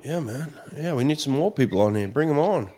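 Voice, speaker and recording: A man's voice: medium pitch, expressive, fairly quick, warm tone. A man hosting a casual live stream, chatting with callers in an upbeat, laid-back way. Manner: laid-back, upbeat, calls guests champ and mate. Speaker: host.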